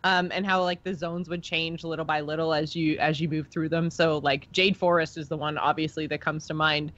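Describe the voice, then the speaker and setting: A woman co-hosts a podcast, chatting informally and conversationally as a fan of a video game. Her low voice shows little pitch movement, is a bit bright, and moves briskly. The recording is slightly dull.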